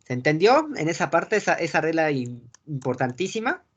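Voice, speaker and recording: A man with a Mexican accent teaching a class, often checking that students follow and filling pauses with "este". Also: fairly high pitch, big pitch swings, slightly rough. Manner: keeps checking the class follows, asking "sale?"; frequent filler "este" and restarts. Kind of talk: classroom lecture. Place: classroom with a board.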